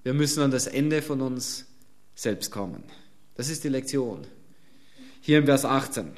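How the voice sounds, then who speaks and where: A man's voice: mid-range voice, animated, measured pace. Earnest man preaching a sermon. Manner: emphatic, repeated rhetorical questions.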